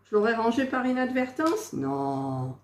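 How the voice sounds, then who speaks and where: A woman's voice: a little high, very animated, a little slow. A woman vlogging her craft project, talking to herself as she hunts for missing pieces, with exasperated asides to viewers. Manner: talks to herself while searching, exasperated asides. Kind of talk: casual crafting chatter. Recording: echoey room with faint noise.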